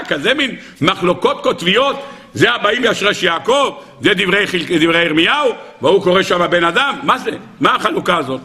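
A man's voice: high voice, bright, forceful tone. A man giving a Torah sermon, asking rhetorical questions in a sing-song way and acting out the voices he quotes. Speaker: rabbi teaching a Torah lesson.

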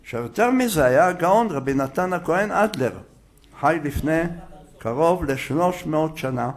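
A man with a high voice teaches a religious lesson. He sounds out letters one by one and repeats words to drive a point home, his tone animated throughout. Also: slight background noise. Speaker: rabbi teaching a Torah lesson.

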